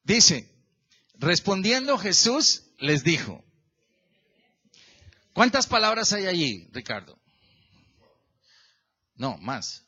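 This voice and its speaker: A pastor preaches in a bright, high man's voice that leaps up and down as he walks through a verse. He keeps questioning the congregation and calls on people by name. The recording sounds dull and lo-fi. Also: slow, long pauses, breathy edge. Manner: lively and animated, stretching the verse phrase by phrase. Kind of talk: sermon.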